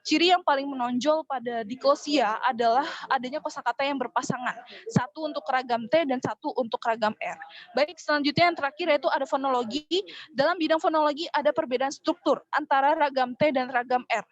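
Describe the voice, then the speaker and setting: A young woman, a student, reading her part of a class presentation in a measured way with occasional small hesitations. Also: high-pitched. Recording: dull lo-fi recording.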